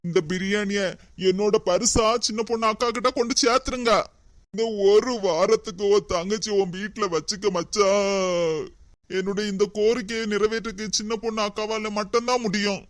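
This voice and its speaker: A man's voice: high-pitched, fairly even intonation, normal speed, no room sound, close to an everyday voice. A man voicing two young brothers-in-law in a cartoon, chatty and melodramatic, with a Kanyakumari Tamil accent. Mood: bantering.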